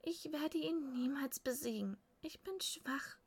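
A woman's voice: sits high, takes it slowly, pitched above the performer's own voice. A woman voicing a defiant teenage Viking girl in a storybook reading, frustrated and full of self-doubt. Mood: bitter.

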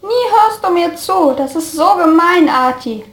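A woman voicing a cheerful, pushy young male student who teases in a high, playful, whiny voice. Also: expressive, moderate pace, echoey room. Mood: whiny teasing.

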